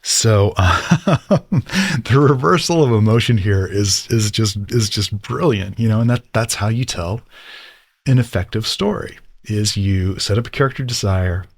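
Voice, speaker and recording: A man's voice: on the low side, measured pace, gravelly, no echo, studio quality. A man teaching about storytelling in a casual lecture, rambling and enthusiastic with lots of fillers.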